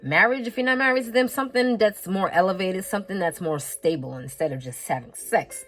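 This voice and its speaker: Her mid-range voice is a bit bright and fairly quick as this tarot reader delivers a casual, no-nonsense reading. She curses without hesitation, chuckles in asides, and says things twice for emphasis. A slight head cold leaves her sniffling.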